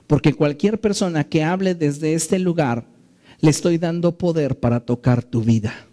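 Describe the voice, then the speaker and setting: A male pastor with a fairly high voice preaches a sermon in his church. He talks in an earnest, measured way and drags out the phrases he wants to stress. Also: mellow. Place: church sanctuary.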